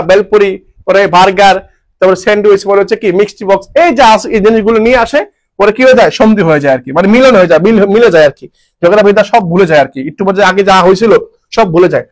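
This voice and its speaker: Male online grammar tutor, high quick voice, repetitive and jokey. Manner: repetitive, asks and answers his own questions; jokey, homely dialect forms. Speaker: teacher.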